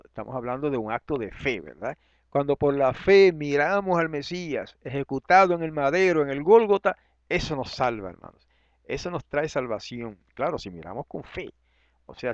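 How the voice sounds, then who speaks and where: A man preaching in a conversational teaching style, thinking aloud with fillers and rhetorical questions, and slowly sounding out Hebrew words. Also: medium pitch, no echo. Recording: dull, slightly muffled close-mic sound.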